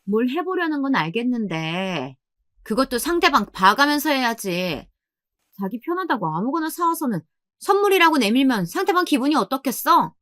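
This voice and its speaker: Woman doing a sneering high-voiced sister-in-law. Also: bright, forceful tone, no echo, studio quality, full character voice. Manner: mocking, scolding, looks down on others. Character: sneering condescending woman, husband's older sister.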